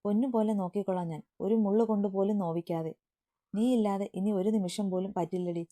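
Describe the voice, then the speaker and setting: A woman reading the lines of a tender, devoted young man in a storybook romance, in a soft pleading way. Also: medium pitch, fairly even intonation, a little fast, lightly acted.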